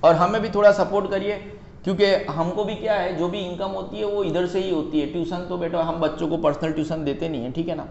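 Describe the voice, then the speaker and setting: A man's voice: sits high, fairly even intonation, fairly quick, creaky, a little mellow, a little hiss or hum. A male economics tutor giving a playful classroom lecture, joking and teasing an imagined student and mixing English terms into his talk. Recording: echoey, dull lo-fi room.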